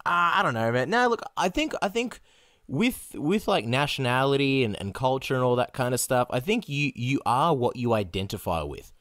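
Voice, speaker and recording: A man's voice: medium pitch, animated, normal speed, fairly bright tone, no echo, clean studio sound. A Polish-born man, co-hosting a casual podcast chat in a rambling, joking way. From Poland. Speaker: podcast co-host.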